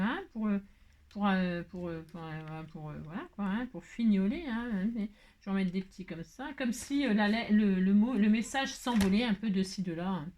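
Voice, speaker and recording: Woman host, chatty self-mocking crafter talking viewers through a card tutorial. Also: fairly high pitch. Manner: chatty, self-mocking, laughs often, many fillers. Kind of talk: casual crafting tutorial chat.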